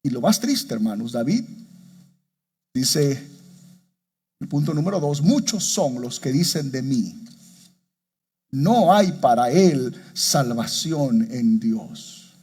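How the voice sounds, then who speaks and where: A man preaching a sermon as pastor, addressing his congregation directly and building to impassioned, slowed-down exhortations. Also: expressive, darkish tone, slightly rough. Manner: impassioned preaching, rises high and slows for emotional quotes.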